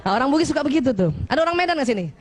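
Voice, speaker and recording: A woman from Indonesia giving a religious talk to a gathering of women, lively and teasing, often checking that her listeners follow. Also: high-pitched, racing. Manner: lively and teasing, often asks the audience questions. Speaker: preacher addressing women.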